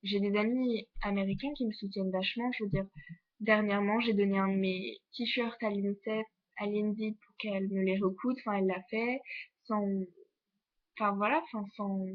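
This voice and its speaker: A woman's voice: mid-range voice, fairly even intonation, normal speed, lo-fi sound. A teenage girl from France on an exchange year, talking casually to her blog followers, full of fillers and restarts. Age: teens. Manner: chatty, many fillers and restarts. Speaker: exchange student vlogger. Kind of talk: casual vlog monologue.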